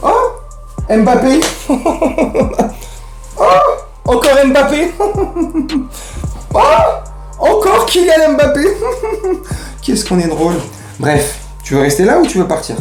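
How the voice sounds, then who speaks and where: A man's voice: very high-pitched, big pitch swings, slow pace, long pauses, reverberant, music in the background. A man hosting a casual football fan vlog, ranting in slangy, rambling speech. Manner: slangy, heated, rambling with restarts.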